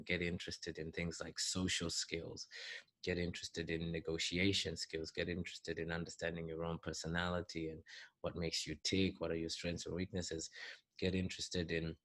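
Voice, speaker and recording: Middle-aged Zambian-born business coach, very low and even delivery, earnest mentor tone, dry close mic. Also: male voice, no echo. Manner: earnest, advice-giving, thinks aloud with fillers. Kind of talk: recorded advice talk for a youth summit.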